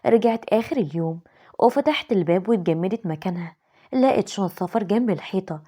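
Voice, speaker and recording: A woman with an Egyptian accent narrates an animated story at a brisk clip. Her voice is breathy, mellow and soft-edged. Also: medium pitch.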